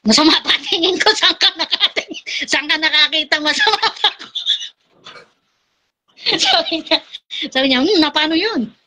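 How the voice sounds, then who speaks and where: A woman's voice: sits high, sing-song, normal speed, pauses often, sharp tone. A woman telling funny stories in casual chat and laughing often. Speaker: guest.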